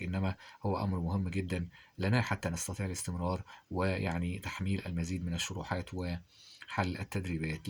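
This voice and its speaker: A man's voice: low-pitched, breathy edge. A man teaching grammar to pupils, asking rhetorical questions and answering them himself.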